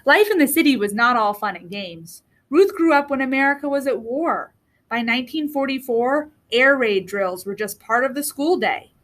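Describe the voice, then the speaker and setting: A woman with a high-pitched voice narrates a children's book aloud as a storyteller, phrasing it deliberately and expressively.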